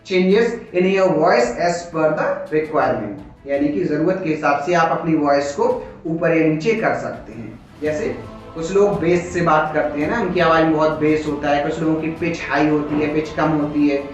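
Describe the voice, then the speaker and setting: In a casual lecture mixing Hindi and English, a coaching teacher with an Indian accent explains by raising questions and answering them himself. His voice is a little high, at a moderate pace. The sound is dull, with room echo, a distant microphone and background music.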